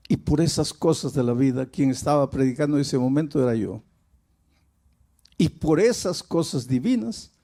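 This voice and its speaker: An older man preaching a sermon in earnest tones, climbing to near-shouted peaks as he recounts a story. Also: mid-range voice.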